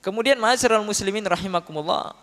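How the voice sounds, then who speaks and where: A man giving a religious study talk, telling stories with lively acted quotes and often addressing his listeners as "Pak". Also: high-pitched, fast talker. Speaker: preacher. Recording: long hall reverb.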